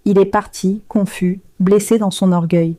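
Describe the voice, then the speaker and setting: A woman reading a first-person story aloud in a slow, measured, subdued way. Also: medium pitch, steady tone, warm tone, dry recording. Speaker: narrator.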